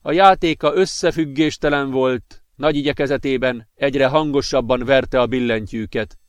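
A man reading an audiobook as narrator in a steady, measured voice. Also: medium pitch, clean tone, dry recording. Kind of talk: scripted narration.

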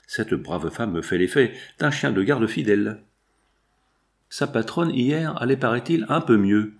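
A man reading the lines of a cheerful young seamstress in an audiobook, with a gently raised voice. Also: medium pitch, lively intonation, measured pace, gravelly.

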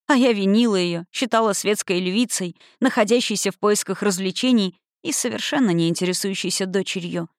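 A woman's voice: medium pitch, a little fast, hardly any pauses, no echo, clean studio sound. A woman reading a first-person novel aloud as audiobook narrator.

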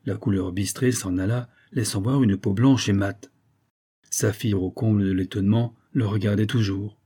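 A man narrating a 19th-century novel aloud in a measured, steady reading. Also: lowish voice, husky. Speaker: audiobook narrator.

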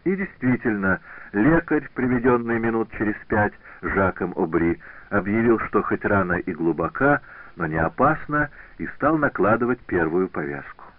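A man reading a novel aloud as scripted narration, in a measured, even manner, in a tinny, dry radio recording. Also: lowish voice, dry recording. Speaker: audiobook reader.

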